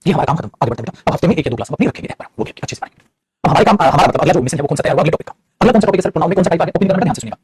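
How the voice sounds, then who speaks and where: A man's voice: fairly high pitch, lively intonation, very fast, a little mellow, slightly rough. A man teaching English grammar in an online class, calling his students "beta" and acting out their replies himself. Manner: calls students beta and mere bachche, acts out student replies.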